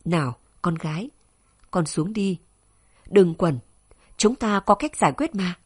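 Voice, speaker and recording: A woman's voice: on the low side, animated, measured pace, husky, dry recording, clean studio sound. Woman doing a pleading, anxious father. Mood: coaxing. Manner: pleading, coaxing. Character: anxious middle-aged father coaxing his daughter.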